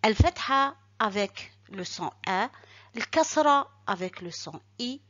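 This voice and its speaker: A woman teaching Arabic letters and short vowels, speaking slowly and deliberately and pronouncing each syllable carefully for learners to repeat. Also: on the high side, expressive, bright, forceful tone. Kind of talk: slow instructional lesson. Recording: dull lo-fi recording.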